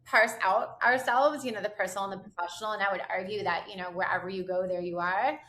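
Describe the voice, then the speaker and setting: A woman's voice: mid-range voice, fairly even intonation, quick pace, a bit bright, a little hiss or hum. A middle-aged woman, an educator and researcher, chatting as a podcast guest and leaning often on "you know" and "like". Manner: chatty, filler-heavy with frequent "you know" and "like". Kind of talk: casual interview chat.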